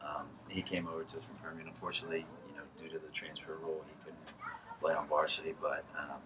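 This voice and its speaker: A baseball coach in his thirties with a very low voice talks loosely in a postgame interview, restarting his sentences often. He sits in a press box over a night field. The mic sits some way off and a steady noise runs behind him. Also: fast. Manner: casual, rambling with restarts and laughs. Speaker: high school baseball coach. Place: press box above a lit ballfield at night. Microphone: headset mic. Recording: distant mic with background noise.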